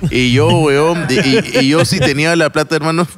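A man with a Lima Peruvian accent spins a crude, rambling anecdote in casual chat, tripping over restarts and peppering it with slang and swearing. His voice sits a little higher than most men's. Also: fairly even intonation, fairly quick, fairly bright tone. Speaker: podcast storyteller.

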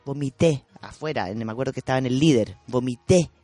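A woman's voice: extremely low pitch, fast talker, dark tone, faint music behind. Candid Chilean woman telling her story. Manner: emotional, self-revealing, repeats words for emphasis. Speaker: podcast guest sharing a personal story.

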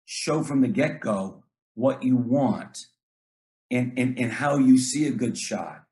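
A man's voice: medium pitch, animated, takes it slowly, a little mellow. A middle-aged man, a basketball coach, talking earnestly in casual chat, often repeating words and acting out what he tells his players.

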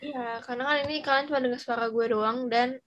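A teenage young woman with a soft, non-rolled R, chatting casually and informally as a podcast co-host. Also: high-pitched, fairly even intonation, fast talker, dull audio. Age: teens. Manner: chatty, informal, slang with English mixed in.

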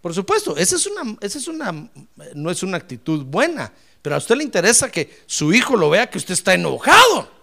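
Man, pastor, bright tense voice, fervent sermon, loud exclamations and quiet asides. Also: sits high, huge pitch swings, fairly quick, vocal fry. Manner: repeatedly addresses listeners as "hermano".

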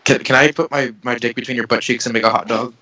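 Young man, bright tense voice, crude, provocative jokes. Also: mid-range voice, fairly even intonation, fast. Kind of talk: casual chat.

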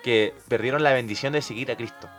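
A man's voice: medium pitch, fast talker, a bit bright. Man retelling Bible stories. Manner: conversational, retelling Bible passages with restarts. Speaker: podcast co-host.

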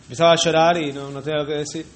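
A man's voice: on the high side, level tone, rapid-fire. A man telling a religious folk tale unhurriedly, repeating words and turning to his listeners with asides. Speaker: storyteller.

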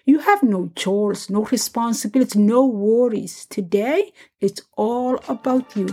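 A woman's voice: medium pitch, lively intonation, slow, gravelly, darkish tone, slight background noise. A woman voicing a joyful young village mother who speaks in a sing-song tone to her daughter.

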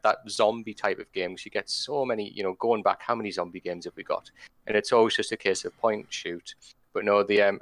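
A man's voice: on the low side, fairly bright tone, no room sound. A man chatting casually and enthusiastically about video games, rambling with lots of fillers.

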